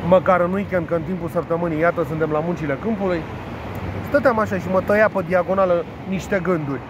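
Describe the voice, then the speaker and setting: A man's voice: high voice, fairly even intonation, background noise. A man casually talking through the day's sports betting tips outdoors, joking crudely and playfully mangling foreign team names. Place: outdoors, caught in rain.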